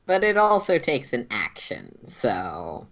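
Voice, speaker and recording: A low-voiced woman game master with a very lively range of pitch. She takes her time as she narrates and referees a tabletop game, casual and joking. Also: muffled recording. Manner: casual, joking, quick to laugh.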